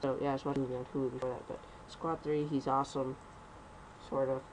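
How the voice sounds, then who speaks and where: A young man rambling through casual gameplay commentary at home on a computer mic, talking fast and correcting himself. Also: medium pitch, flat delivery, slight background noise, poor audio. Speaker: gaming commentator.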